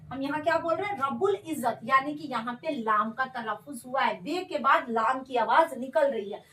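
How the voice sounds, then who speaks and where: A woman's voice: high voice, fairly bright tone, roomy sound, distant mic, poor audio. A woman teaching a grammar lesson, patiently explaining and repeating terms and asking and answering her own questions. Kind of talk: classroom-style grammar lesson.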